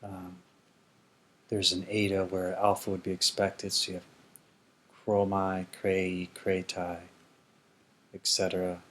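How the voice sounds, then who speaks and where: A man's voice: sits low, completely flat delivery, takes it slowly, long pauses, a bit bright. A man teaching ancient Greek grammar, speaking carefully and repeating words to model their pronunciation, with frequent ums and restarts. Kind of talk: explanatory grammar lesson.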